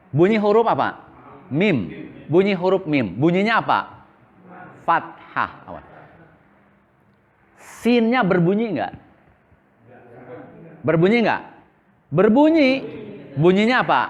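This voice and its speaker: A male Islamic boarding school teacher with a high-pitched voice, its highs cut off, leads a religious school class. He asks questions and answers them himself in a repetitive call-and-response style.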